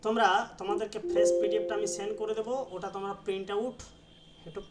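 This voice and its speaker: A man's voice: sits high, flat delivery, quick pace, over loud music. A man teaching an English grammar class online, explaining step by step and repeatedly prompting students to pronounce and answer. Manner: patient, repeats each sound many times.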